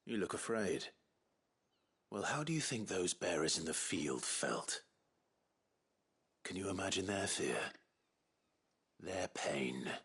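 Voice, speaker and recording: A man playing a brooding, defiant young warrior in a video game, stern and deliberate in manner. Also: low-pitched, expressive, fairly bright tone, breathy edge, full character voice. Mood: menacing calm.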